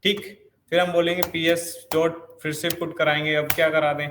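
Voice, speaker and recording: A man with a fairly high voice walks through a coding lesson. He explains each step and keeps asking rhetorical questions. The room is echoey, with a faint hiss behind him. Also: little pitch movement, moderate pace. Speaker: programming instructor.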